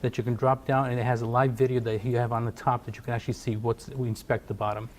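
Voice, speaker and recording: A man's voice: mid-range voice, little pitch movement, quick pace, slight background noise. A middle-aged man from Portugal, a company founder, speaking in a TV business interview with many fillers and restarts. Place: TV studio.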